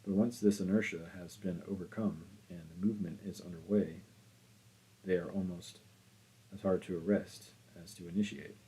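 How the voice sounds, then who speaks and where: A man reading a classic novel aloud as an audiobook narrator, in a measured, deliberate way. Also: low voice, fairly even intonation, warm tone, breathy edge, low-quality recording. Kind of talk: scripted literary narration.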